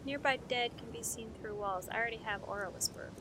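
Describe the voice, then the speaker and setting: A woman's voice: a little high, fairly quick, noisy background. A young woman doing let's play commentary, sarcastic and joking, reading game text aloud and swearing now and then. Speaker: gameplay streamer.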